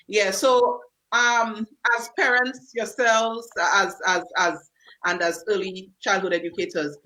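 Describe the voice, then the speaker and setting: A woman's voice: on the low side, a bit bright, slight background noise, rough recording. A woman hosting a radio talk show in a casual, chatty way. She often restarts her sentences as she talks.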